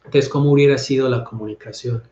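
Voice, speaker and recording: A man's voice: mid-range voice, steady tone, fast, mellow. Man, priest from Colombia, casual scripture talk, trips over words, echoey room, slightly muffled sound. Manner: conversational, stumbles and restarts words. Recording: roomy, slightly dull recording.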